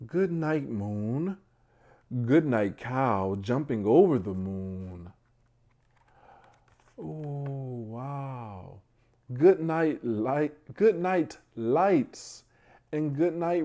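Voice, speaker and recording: A man with a medium-pitched voice hosts a bedtime read-aloud for young children, speaking in a hushed, gentle way. He talks directly to his little listeners, asking them questions and offering praise.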